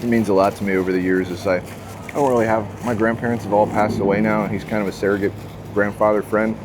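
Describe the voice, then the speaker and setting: Low-voiced man chatting through a noisy market. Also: fast. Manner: chatty, relaxed, tasting and commenting on food. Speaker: vlog host. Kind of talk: casual walking tour chat. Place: busy farmers market, indoors and out.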